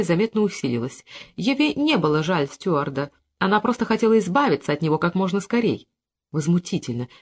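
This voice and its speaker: An audiobook narrator reading a literary novel aloud. The pitch sits mid-range and the delivery is even and measured. It is scripted narration.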